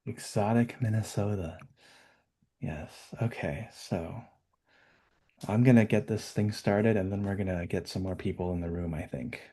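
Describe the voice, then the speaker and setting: Guy hosting a webinar, kinda low voice, chatty and upbeat, lots of ums. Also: normal speed, warm tone, breathy edge. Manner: chatty, upbeat, many fillers. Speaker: webinar host. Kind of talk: casual webinar chat.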